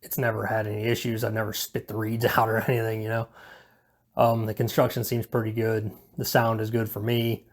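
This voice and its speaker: The presenter has a fairly low voice with completely flat delivery and a brisk pace. Filming indoors at home, he gives an unscripted hobby how-to, rambling casually and sounding laid-back, hesitant and self-deprecating.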